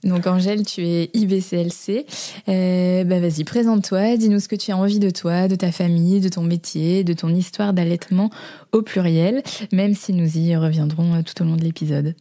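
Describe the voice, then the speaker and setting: A woman's voice: on the low side, steady tone, normal speed, warm tone. A woman co-hosting a podcast, a general practitioner, reading a scripted intro with playful asides and then asking interview questions. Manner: playful, jokey.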